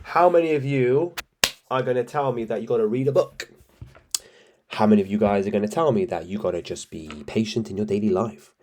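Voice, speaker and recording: A man's voice: on the low side, a little fast, darkish tone. A blunt, fired-up man lectures his viewers on trading, peppering his talk with swearing and "bro". His voice is a little stuffy from allergies, and a keyboard clicks now and then behind him. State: congested with allergies. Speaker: trading coach. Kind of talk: casual motivational talk to camera.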